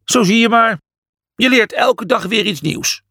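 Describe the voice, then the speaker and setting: Male reader voicing a whiny, cheeky young pig for a storybook; high, lively, panicky, slightly gravelly. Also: normal speed, no echo, clean studio sound, exaggerated voice.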